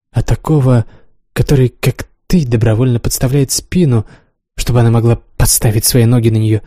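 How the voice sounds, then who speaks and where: A man's voice: mid-range voice, dark tone, no echo, studio quality, close to an everyday voice. A man voicing an imperious, cruel young noblewoman who mocks and commands coldly in an audiobook reading. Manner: taunting, haughty, coolly commanding.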